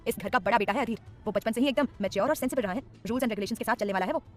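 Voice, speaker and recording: Woman doing a firm scolding mom in her forties, fast talker, faint music. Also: on the high side, natural voice. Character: scolding, proud mother of about 45.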